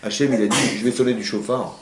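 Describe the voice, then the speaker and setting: Fast-talking rabbi in a roomy room. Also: male voice, mid-range voice, very noisy. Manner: rapid, animated, asks the audience rhetorical questions. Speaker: rabbi teaching a class. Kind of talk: informal Torah class. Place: living room of a private home. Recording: roomy home recording.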